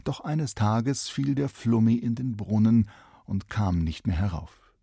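A man narrating a fairy tale in a calm, measured storybook manner. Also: lowish voice, gravelly, slightly rough, no echo, studio quality.

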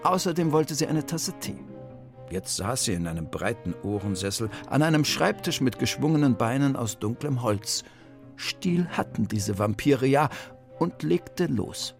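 A man reading a children's mystery story in a calm, measured narration. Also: mid-range voice, creaky, faint music behind.

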